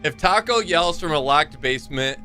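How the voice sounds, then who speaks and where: A man's voice: a little high, expressive, moderate pace, pushed and bright, soft background music. A man live-streaming a game with casual, playful commentary, reacting openly to what happens.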